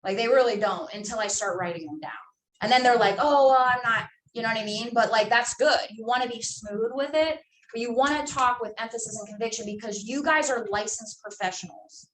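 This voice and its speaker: A woman's voice: fairly high pitch, a little fast, a little hiss or hum. A woman in her twenties coaching new sales agents, talking emphatically with lots of fillers. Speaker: sales trainer. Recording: echoey room from far off, faint ambience.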